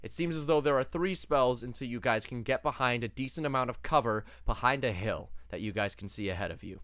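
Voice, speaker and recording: Male game master, mid-pitched, casual, narrating combat and laughing between beats. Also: a little fast, a bit bright. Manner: laughs often while narrating.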